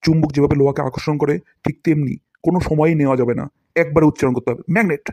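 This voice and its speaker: A man playing a self-important cartoon teacher who scolds his pupils and hams up every word he demonstrates. His voice sits a little high for a man, recorded close and dry with no room sound. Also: fairly even intonation, racing, dark tone, dry recording. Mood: scolding. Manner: pompous, scolding, theatrical demonstrations of words. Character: boastful, scolding male English teacher. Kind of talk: cartoon voice acting.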